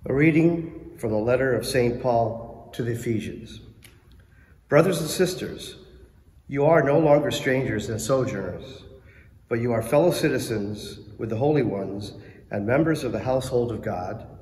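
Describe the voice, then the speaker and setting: A man's voice: medium pitch, normal speed, darkish tone, slight background noise. Male lector in a large church echo. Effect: long echo of a large church. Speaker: lector at Mass. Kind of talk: liturgical reading and psalm. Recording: echoey church hall, faint ambience.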